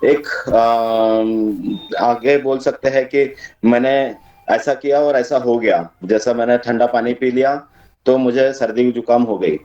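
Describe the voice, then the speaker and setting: A man's voice: medium pitch, fairly even intonation, slow, a little mellow, lo-fi sound. A man leading a homeopathy study discussion, explaining with everyday examples and mixing in English terms. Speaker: homeopathy group study leader. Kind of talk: casual teaching discussion. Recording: echoey room, distant mic.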